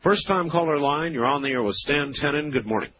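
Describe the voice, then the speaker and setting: A man hosting a late-night radio call-in show with a smooth radio host delivery, relaxed and conversational, pausing often with "uh" and "um". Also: fairly high pitch. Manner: relaxed, conversational, with frequent "uh" and "um" pauses. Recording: dull lo-fi radio broadcast with faint hiss.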